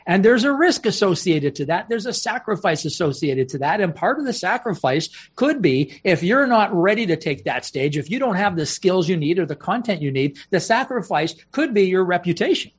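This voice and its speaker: A man's voice: sits high, sing-song, moderate pace, hardly any pauses, breathy edge. A man, a professional speaker, telling anecdotes with punchlines in an interview and laughing easily. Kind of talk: storytelling interview talk.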